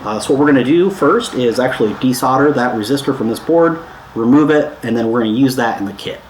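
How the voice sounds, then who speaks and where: Speaking at a quick pace in a medium-pitched voice, this man hosts a hands-on DIY electronics tutorial, casual and informal, easygoing and a bit self-deprecating. The room is echoey, with some background noise.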